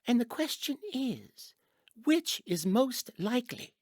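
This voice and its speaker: A woman playing a gentle, naive, earnest storybook bear in a children's audio drama, musing in a slow-witted way. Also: fairly high pitch, very animated, no room sound, studio quality, full character voice.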